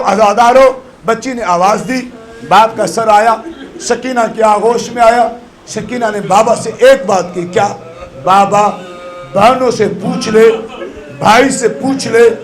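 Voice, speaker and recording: A man with a Pakistani Urdu accent preaching a mourning sermon at a house gathering, wailing in a sung lament with rising cries. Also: high voice. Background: crowd of mourners.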